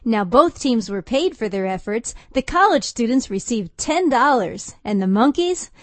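A woman's voice: fairly high pitch, sing-song, moderate pace, no room sound. A woman reading a scripted feature story as a radio news reporter.

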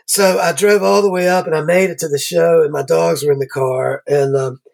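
A man, a guest musician, rambling through an animated anecdote in casual conversation. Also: fairly high pitch, brisk, creaky.

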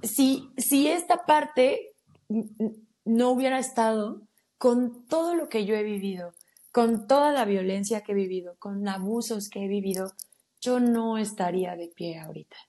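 A woman with a Mexican accent, a podcast guest telling a personal story in a casual, animated and slangy way. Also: on the high side, a little slow. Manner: animated, slangy, acts out her own quotes.

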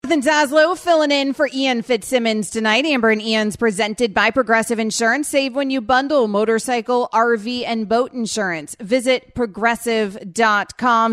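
A woman hosting a sports talk radio show, upbeat and quick to laugh as she reads teases and plugs. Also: a little high, a bit bright, clean tone. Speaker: radio host.

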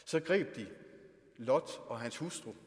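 A male preacher retells a scripture story, moving between dramatic narration and quiet, searching questions. His voice sits at an average pitch. A long reverb from a large church hangs after each phrase. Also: animated.

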